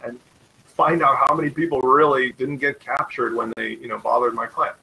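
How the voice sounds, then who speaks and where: A man's voice: mid-range voice, steady tone, normal speed, gravelly, bright, forceful tone, poor audio. A man mimicking a stubborn, old-fashioned male client who refuses to change his email habits, in a raised, smug tone.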